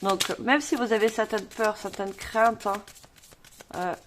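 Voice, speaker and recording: A woman's voice: medium pitch, steady tone, measured pace, background noise. A woman giving a tarot reading, rambling and repeating herself, with many fillers as she reads the cards aloud. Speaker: tarot reader.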